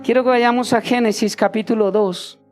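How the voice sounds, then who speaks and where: A pastor in his forties preaches with animated storytelling, slipping into the voices of the people in his tale. Faint instrumental music plays softly behind him. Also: high voice, moderate pace. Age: 40s. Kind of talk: sermon.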